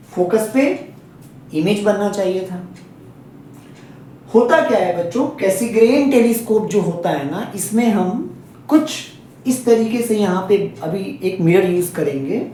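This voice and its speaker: A man's voice: sits high, dark tone, very echoey, far from the mic, a little hiss or hum. A man teaching a physics lesson aimed at exams, who repeats key points and keeps checking in with his students. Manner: repetitive, checks in often with students. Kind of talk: exam-focused classroom lesson.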